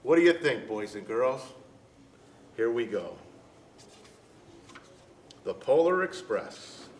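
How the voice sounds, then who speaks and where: A man's voice: mid-range voice, big pitch swings, takes it slowly. A man playing a jolly old Santa Claus who talks affectionately and heartily to children before a storybook reading. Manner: jovial, affectionate, hearty ho-ho-ho talk. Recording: echoey room, distant mic, background noise.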